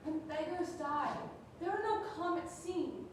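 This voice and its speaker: A woman's voice: very high voice, measured pace. A young woman playing Caesar's fearful wife on stage, speaking urgently and pleadingly, recorded from a distance in a very echoey theatre. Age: young adult. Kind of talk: stage Shakespeare acting. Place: indoor arena theatre stage. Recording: distant mic, very echoey theatre, faint noise.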